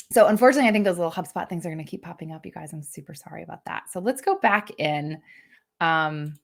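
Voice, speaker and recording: A woman coaching teams in a live online workshop, talking casually and upbeat, often tagging her points with "right?". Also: sits low. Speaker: team coach presenter.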